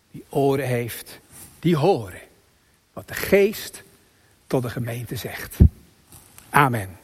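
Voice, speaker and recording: A man preaching a sermon as pastor, slow and emphatic, swinging between loud and hushed passages. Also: a little high, slightly rough. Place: church. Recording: church hall reverb.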